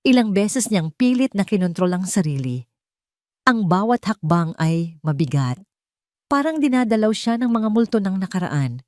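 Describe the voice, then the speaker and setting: In a dry, studio-quality recording, a Filipino-accented woman storyteller delivers a scripted love story with solemn melodrama. She speaks at a moderate pace in a medium, slightly mellow voice that swings widely in pitch.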